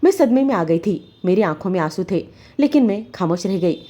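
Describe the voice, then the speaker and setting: A woman's voice: mid-range voice, lively intonation, moderate pace, warm tone. A woman narrating a story in the first person, with earnest, emotional storytelling.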